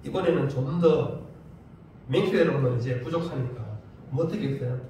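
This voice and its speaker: Pastor preaching with a Gyeongsang accent. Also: male voice, medium pitch, moderate pace, slight background noise. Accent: Gyeongsang Korean. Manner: lively preaching with rhetorical questions and humor. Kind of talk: sermon. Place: church sanctuary. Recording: very echoey church from far off.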